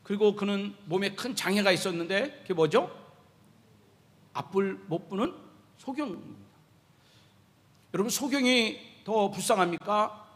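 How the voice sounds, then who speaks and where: A man's voice: high-pitched, a bit bright. A male pastor preaching a sermon to his congregation in a church sanctuary. He talks animatedly and keeps asking the congregation questions. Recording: echoey church hall reverb.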